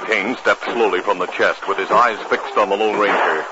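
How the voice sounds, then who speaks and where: An American man announces and narrates in a polished, dramatic 1950s radio style, his lowish voice held at normal speed with fairly even intonation. The 1950s radio recording is very noisy and muffled.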